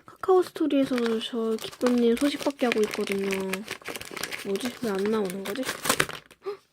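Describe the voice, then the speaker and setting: A woman's voice: on the high side, a little fast, noisy background. A young woman chatting casually through an unboxing review, gushing and gasping, sometimes dropping to a whisper. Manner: excitable, gushing, often gasps and drops to a whisper. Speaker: fan vlogger reviewing merchandise.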